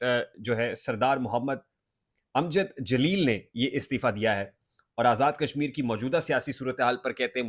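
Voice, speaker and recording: A man's voice: mid-range voice, a bit bright. Emphatic man commenting on political news. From Pakistan. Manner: emphatic, with hesitant filler pauses.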